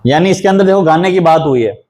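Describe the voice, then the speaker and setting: A male assistant professor, giving a lecture on a poem. He reads the lines slowly, explains each one, and repeats key terms as he counts them out. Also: on the high side, lively intonation, a little mellow. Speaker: assistant professor teaching English literature.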